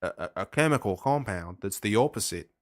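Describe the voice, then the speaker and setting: A man's voice: expressive, brisk, no echo, clean studio sound, close to an everyday voice. Man putting on a bragging Australian chimp undertaker. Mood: bluffing salesman. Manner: rambling, sales-pitch bluster with fake chemistry. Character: boastful male chimp-burial salesman.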